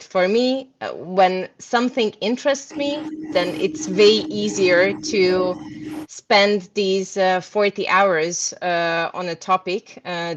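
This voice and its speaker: A woman's voice: fairly low pitch, noisy background. A woman from Hungary, a guest speaker answering questions casually with many hesitant fillers.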